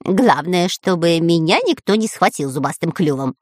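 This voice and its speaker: Whiny scaredy-cat spy guy, done by a woman, lively up and down, dry sound. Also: fairly low pitch, normal speed, no echo. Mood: grumbling. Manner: whining and grumbling. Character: whiny, cowardly male spy.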